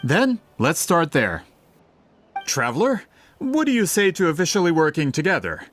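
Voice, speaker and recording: An actor playing a courteous, scheming gentleman collector in a video game, with a polite, measured, theatrical delivery. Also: a little high, huge pitch swings, soft background music. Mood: smoothly persuasive.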